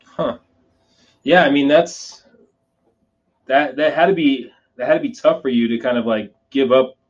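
A male podcast host with a mid-pitched voice chats with a guest in a conversational way. He rambles and rewords as he goes. The recording is a little dull and lo-fi. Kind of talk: conversational interview.

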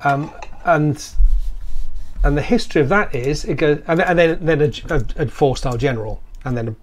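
A man with a slightly higher-pitched voice chats in a loose, digressive podcast style. He loves to explain where words come from and often wanders off into long asides. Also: moderate pace. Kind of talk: casual podcast chat.

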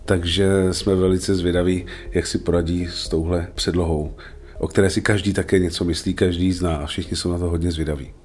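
A man's voice: sits low, flat delivery, darkish tone, slight background noise. A man answering interview questions in a thoughtful way, with some hesitations.

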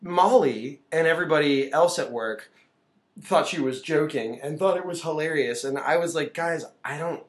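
A man's voice: a little high, moderate pace. Rambling joking man co-host. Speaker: podcast co-host. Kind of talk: casual comedic chat.

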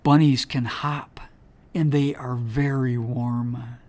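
A woman voicing a great, wise silver wolf who speaks gently, slowly and deliberately. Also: extremely low pitch, fairly even intonation, pitched below the performer's own voice. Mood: gentle. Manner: gentle, slow and deliberate, hushed.

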